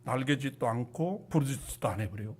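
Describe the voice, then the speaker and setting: A male pastor preaching a sermon with dramatic storytelling, swinging from hushed asides to loud outbursts, then leading a prayer. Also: medium pitch, expressive, fairly quick, slightly rough.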